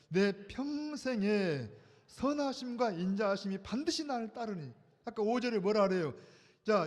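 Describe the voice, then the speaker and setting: A man preaching a sermon in a church sanctuary, pitched high for a male voice. He talks emphatically and keeps throwing questions out to the congregation. His voice carries a long hall reverb. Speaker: senior pastor.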